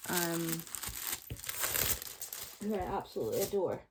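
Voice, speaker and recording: A woman's voice: lowish voice, animated, a little slow. A woman in her forties, chatting in a rambling way while showing her budgeting items, with playful self-mocking jokes. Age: 40s. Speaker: budgeting vlogger. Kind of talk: casual chat. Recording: crinkling packaging noise close to the mic.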